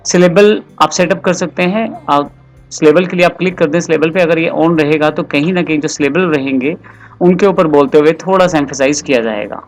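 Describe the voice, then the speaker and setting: A man giving a patient, step-by-step software tutorial voice-over as a computer course tutor. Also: fairly high pitch, fairly quick, faint music behind.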